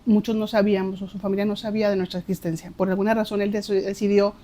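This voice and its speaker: A woman's voice: medium pitch, flat delivery, fast talker, dark tone, slight background noise. A woman, a podcast guest, reflecting on her faith testimony and often repeating words as she searches for them.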